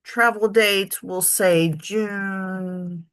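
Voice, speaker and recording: With a steady, slightly bright medium-pitched voice, this woman draws out her words. She's got the hiccups during a casual screen-share spreadsheet tutorial for her travel business, rambling chattily as she thinks aloud, with plenty of ums and self-corrections.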